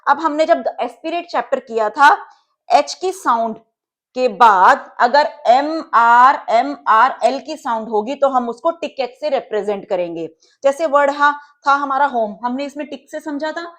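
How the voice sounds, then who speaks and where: A woman teacher giving a patient, step-by-step lesson, checking that her students follow along. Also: sits high.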